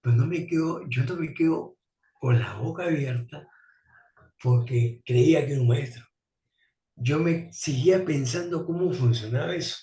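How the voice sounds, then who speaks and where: A man's voice: on the high side, normal speed, dark tone. A man telling a personal story as an interview guest. He acts out the dialogue in it. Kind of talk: storytelling anecdote. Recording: roomy, distant mic.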